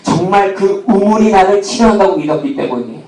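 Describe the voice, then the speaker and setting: A male pastor with a high-pitched voice preaches to his congregation, asking them questions and telling a story with humor. He is recorded from a distance in a reverberant church hall, with faint ambient noise underneath. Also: animated, brisk, darkish tone, soft background music. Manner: asks the congregation rhetorical questions; tells a humorous personal story. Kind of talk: sermon. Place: church sanctuary. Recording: echoey hall, mic at a distance.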